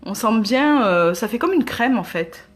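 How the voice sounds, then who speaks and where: A woman's voice: on the high side, lively intonation, unhurried. A woman, chatting casually as a beauty vlogger demonstrating makeup, with many hesitations. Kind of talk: casual product demo.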